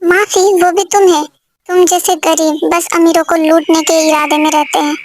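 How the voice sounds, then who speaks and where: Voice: extremely high pitch, flat delivery, normal speed, slight background noise. A storyteller voicing a rude, spoiled rich young woman who scolds in a haughty, scornful way. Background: background music.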